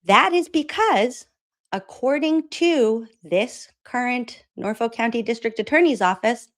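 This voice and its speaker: A Massachusetts woman hosts a political commentary show, her fairly high voice animated and a little slow. She's chatty and sarcastic, laughs often, and sounds incredulous.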